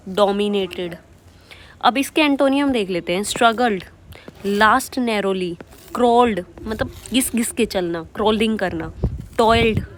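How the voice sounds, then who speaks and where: A woman teaching English vocabulary in Hindi for exam preparation. She explains patiently, often checks in with "right?", and reads the example sentences in an Indian English accent, slowly and carefully. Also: medium pitch, slight background noise. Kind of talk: online exam-prep lesson.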